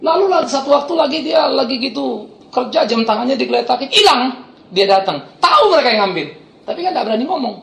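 Middle-aged pastor preaching in an echoey church. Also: male voice, very high voice, fast talker, gravelly. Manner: lively storytelling, swinging from loud to soft, chuckling. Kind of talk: sermon.

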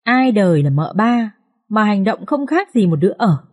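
A woman's voice: mid-range voice, very animated, moderate pace, a little mellow. Female narrator reading a severe older matriarch, lecturing, storybook voice. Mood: stern. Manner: stern, lecturing. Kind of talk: audiobook character reading.

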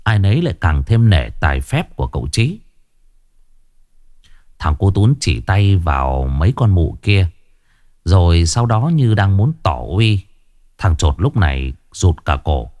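A man narrating a ghost story with a lively storytelling delivery. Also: deep voice, measured pace, dry recording, studio quality.

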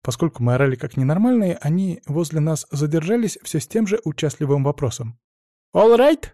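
A man reading a suspense novel aloud in a slow, tense way. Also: fairly high pitch, lively intonation, warm tone, no echo, studio quality. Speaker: audiobook reader. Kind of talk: scripted narration.

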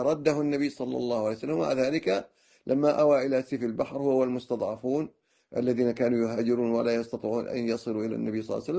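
Fast-talking gravelly man giving a lecture. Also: mid-range voice, mellow. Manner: digressive, with frequent fillers and restarts. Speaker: religious lecturer. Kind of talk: first-person lecture recounting his studies.

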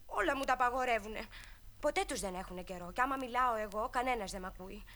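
A woman's voice: a little high, animated, sharp tone, a little hiss or hum. A woman voicing a lonely small boy who whines and pleads to play, in a children's record drama. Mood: sulky. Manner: whiny, insistent.

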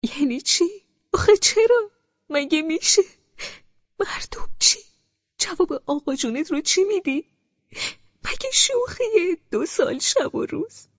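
Audiobook: woman doing a tearful, high-voiced distraught mother, pleading, dry dull studio sound. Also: lively intonation, long pauses, no room sound. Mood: tearful disbelief.

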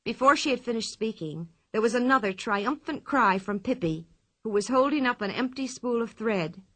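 A woman reading a children's storybook aloud in a clear, expressive, measured way. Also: fairly high pitch. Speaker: narrator.

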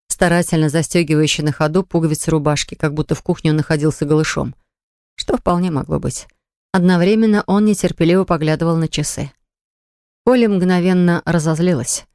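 A woman narrating an audiobook in an even, measured reading. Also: lowish voice, dry recording, clean studio sound. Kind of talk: scripted narration.

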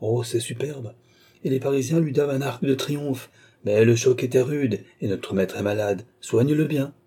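A man reading the part of a shrewd, loyal male secretary, speaking in a measured, confiding way. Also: medium pitch, warm tone, breathy edge, voice pushed up, natural voice.

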